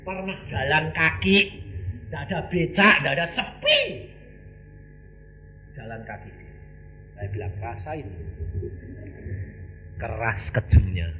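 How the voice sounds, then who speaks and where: An older man from Indonesia preaching a storytelling sermon, with dramatic swings between loud, high outbursts and quiet, low asides. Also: slow pace, long pauses, music in the background. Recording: slightly dull, faint background noise.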